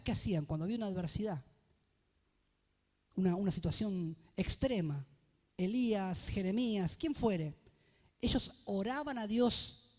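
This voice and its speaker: High-voiced preaching man in echoing church. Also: darkish tone. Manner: preaching, with rising emphatic phrases and call-and-response questions; reads scripture aloud slowly. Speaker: pastor. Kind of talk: sermon.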